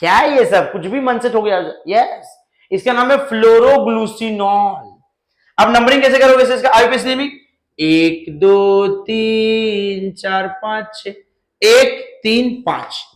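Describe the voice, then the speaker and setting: Man, chemistry teacher, high voice, animated lecture, asks and answers his own questions, echoey room. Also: a little slow. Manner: animated, asks questions and answers them himself, jokes with students. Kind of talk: lively classroom lecture.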